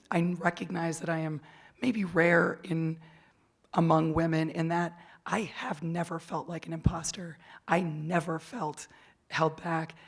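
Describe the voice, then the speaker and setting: Onstage in a conference hall, a woman panelist speaks candidly and personally in a lowish voice with vocal fry and a breathy edge. She often restarts her sentences and uses fillers.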